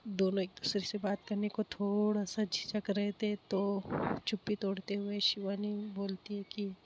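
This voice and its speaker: Woman storyteller, chatty and loose, flat delivery, muffled home mic with faint crying. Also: medium pitch, unhurried, background noise. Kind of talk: casual spoken storytelling.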